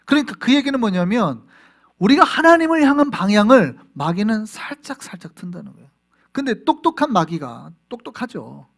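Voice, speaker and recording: Male pastor preaching, really lively and up-and-down, tosses questions at the crowd. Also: high-pitched, fairly quick, gravelly. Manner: animated, acts out scenes with rhetorical questions to the congregation. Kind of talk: sermon.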